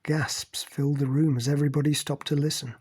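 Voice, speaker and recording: A man narrating an audiobook in a measured, low-key voice with a gravelly, husky quality. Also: flat delivery, a little mellow.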